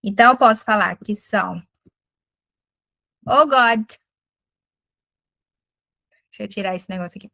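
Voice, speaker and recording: A woman with a Brazilian Portuguese accent teaching an English lesson, patiently explaining and saying English example phrases slowly and clearly. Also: mid-range voice, pushed and bright, dry recording.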